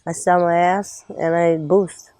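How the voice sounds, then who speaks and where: A woman's voice: lowish voice, flat delivery, slow, mellow, clean tone, no echo, low-quality recording. A woman in her twenties, born in Trinidad, speaking bluntly and swearing freely in an outdoor street interview. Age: 20s.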